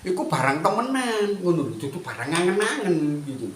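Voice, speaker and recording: A man giving a chatty, animated spiritual talk as a teacher. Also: high-pitched, normal speed, reverberant, a little hiss or hum. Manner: animated, mixes Indonesian and Javanese, chatty asides. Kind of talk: spiritual talk, addressing listeners.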